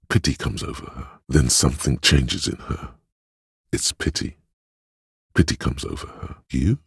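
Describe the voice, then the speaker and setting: An inner voice of empathy in a narrative video game, extremely deep and heavily husky. He reads people calmly and perceptively, with measured, knowing deliberation. The sound is close and dry, like scripted second-person narration. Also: no echo, heavily acted. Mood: grave, compassionate. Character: calm, perceptive inner voice of empathy, adult man.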